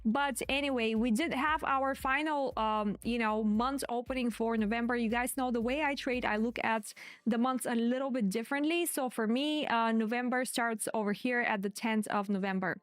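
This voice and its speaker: A woman with a quiet but clear voice hosting live market commentary, explaining casually and often correcting and repeating herself as she goes. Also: a little high, fairly even intonation, moderate pace, dry recording. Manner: hesitant, self-correcting, repeats phrases. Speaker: trading stream host.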